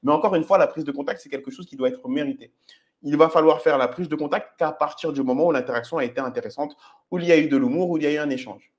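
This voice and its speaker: A man's voice: a little high, fast. A man comments on footage of his own approaches and explains his dating advice to viewers in a direct, instructive way, often checking in with "ok?". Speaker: dating coach.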